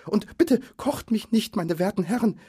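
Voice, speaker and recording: A tiny frightened hobbit squeaks and stammers in a very high, loud voice. He sounds panicky and breathless, like a storybook creature caught by monsters. The voice is slightly husky underneath. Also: animated, normal speed, full character voice. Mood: squeaky panic. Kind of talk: storybook reading.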